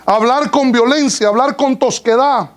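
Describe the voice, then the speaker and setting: This pastor's voice is very high, and he speaks at a measured pace while preaching a church sermon. He calls his listeners brother and questions them directly; the recording quality is low.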